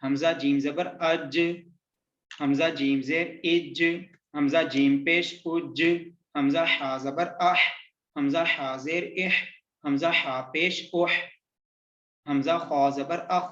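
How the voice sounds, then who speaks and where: Slow, patient man teaching letter sounds. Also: a little high, fairly even intonation, fairly bright tone. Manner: patient and repetitive, drilling syllables. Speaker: Quran reading teacher. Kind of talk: slow recitation lesson, spelling out letter sounds. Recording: roomy, dull lo-fi sound.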